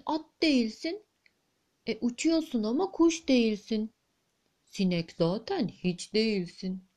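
Woman as a husky, hot-tempered giant queen, low and mellow, for a read-aloud tale. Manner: suspicious, booming questions. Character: huge hoarse giant queen, quick-tempered.

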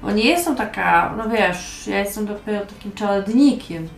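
A woman voicing a young apprentice merchant in a tabletop game, hesitant with many pauses. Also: mid-range voice, animated, vocal fry. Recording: echoey room, music behind.

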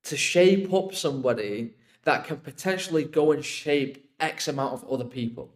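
This podcast guest is a man in his twenties who lived in Iraq until he was eight, then moved to the UK. His voice sits on the high side with lively intonation at a moderate pace, and he explains things casually in a rambling, emphatic way, leaning on "like" and "right?" to check in with the listener.

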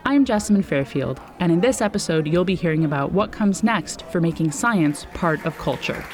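A woman with an American accent hosting a podcast, reading scripted narration in an articulate, measured way. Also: on the low side, lively intonation, background noise. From northern New Mexico, United States. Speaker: podcast host.

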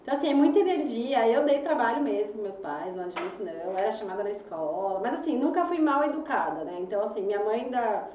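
A woman's voice: a little high, expressive, quick pace, few pauses, a little mellow, a little hiss or hum. A young adult Brazilian woman, a pediatrician chatting as a guest, who acts out anxious parents in whiny voices. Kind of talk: casual interview chat. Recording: roomy, distant, muffled recording.

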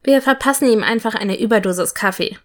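A woman voicing an affectionate, teasing young male dark mage in a storybook, speaking in a soft murmur. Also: fairly high pitch, brisk, lightly acted. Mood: dry.

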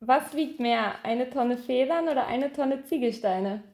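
A woman with a high voice hosts a casual quiz among friends. She is giggly and teasing, and the sound is roomy. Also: unhurried, darkish tone. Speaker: quiz questioner, hairdresser. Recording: roomy, echoey indoor sound.

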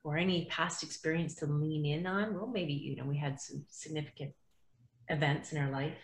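A woman interviewing a guest, answering with warm, affirming responses. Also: low-pitched, steady tone, moderate pace. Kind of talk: casual interview conversation. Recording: echoey room.

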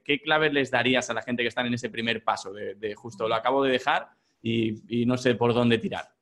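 A man's voice: medium pitch, fairly bright tone. A man hosting an interview, who encourages his guest and asks long, winding questions. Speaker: podcast host.

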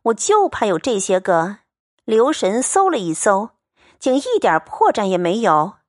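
A woman voicing a clever, sharp-tongued young maidservant who teases in a playful, raised voice. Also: medium pitch, very animated, measured pace, dry recording, studio quality. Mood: teasing. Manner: teasing, playful.

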